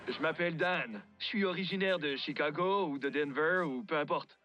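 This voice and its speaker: An actor playing a bland male dating-show contestant in a dubbed sketch, introducing himself flatly, on a dull lo-fi clip. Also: fairly high pitch, normal speed. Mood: indifferent. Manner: flat, indifferent self-introduction.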